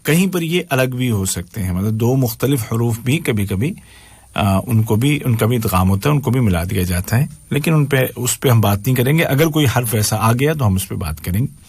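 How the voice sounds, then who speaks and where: A man from Pakistan teaching Quran recitation, patiently correcting pronunciation and slowly chanting the verses. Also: medium pitch, animated, darkish tone, husky, dry recording. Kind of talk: tajweed lesson, explaining and reciting.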